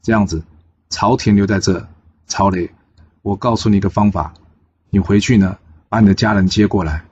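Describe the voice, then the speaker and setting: A man's voice: on the low side, normal speed, pauses often, a little mellow, husky, lo-fi sound. A man reading a shrewd old strategist. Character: shrewd, good-humored older male strategist.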